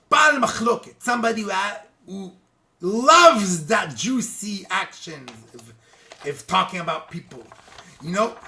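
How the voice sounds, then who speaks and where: A man giving a casual, animated religious lesson to viewers, often checking in with "okay?" and "guys". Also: high-pitched, vocal fry. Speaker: religious teacher.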